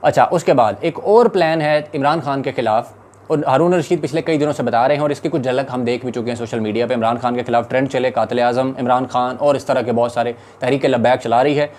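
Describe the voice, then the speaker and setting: Pakistani urdu accent guy ranting fast about politics, urgent, mid pitch. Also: a little mellow. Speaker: political commentator.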